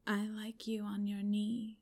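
A woman's voice: mid-range voice, monotone, unhurried, a little mellow. A woman in a whispered ASMR roleplay, speaking in an intimate, commanding whisper.

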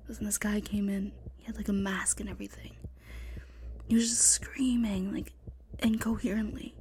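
A young woman voicing a panicked sorority sister hiding from a killer, talking in hushed, frantic whispers and swearing often. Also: fairly high pitch, a little hiss or hum. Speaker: voice actor in an audio roleplay. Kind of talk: one-sided audio roleplay.

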